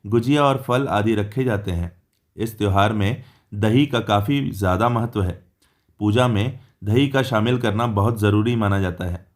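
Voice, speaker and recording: A man reading a scripted narration in an even, formal, explanatory manner. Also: on the low side. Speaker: narrator of a devotional explainer video.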